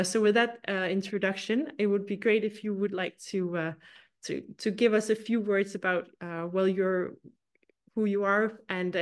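A young woman moderating an online event over a video call, speaking hesitantly with many restarts. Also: mid-range voice.

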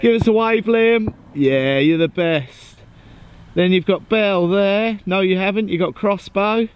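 A man's voice: high-pitched, a little slow, clean tone, muffled recording. Chatty upbeat man vlogging by a lake. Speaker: vlogger and angler. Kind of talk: casual outdoor vlog narration. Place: outdoors at a lakeside fishery.

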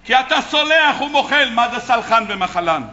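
A man, a rabbi, preaching a sermon with animated storytelling and questions to his audience. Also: extremely high pitch. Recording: muffled lo-fi recording.

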